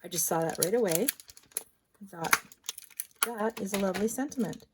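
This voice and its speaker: A woman's voice: medium pitch, moderate pace, heavy background noise. A woman demonstrating a card-making technique in a chatty tutorial, thinking aloud as she works. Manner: chatty, thinks aloud, drops into soft asides. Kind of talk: crafting tutorial.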